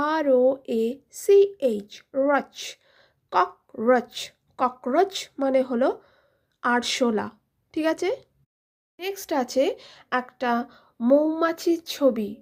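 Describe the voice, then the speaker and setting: Lady teacher, high voice, spells out words slow for little kids. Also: a little mellow. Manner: spells words letter by letter and repeats them slowly; friendly, speaks directly to children. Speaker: teacher and channel host. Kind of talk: children's English lesson.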